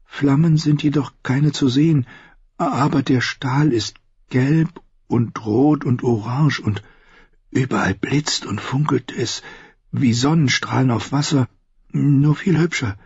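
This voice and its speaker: A man voicing a timid, anxious young man who stutters and speaks in a hushed, husky voice. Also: medium pitch, slow pace, dry recording, voice pushed up, heavily acted. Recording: dull lo-fi audio.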